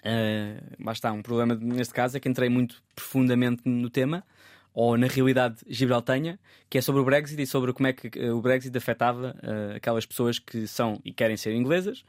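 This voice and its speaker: A man speaks as a guest in a casual interview, at a middle pitch. He talks in a thoughtful way, often breaking off and repeating words as he searches for them. The sound is dry and close to the microphone. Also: fairly even intonation, fairly quick, a little mellow, no echo. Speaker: photographer guest.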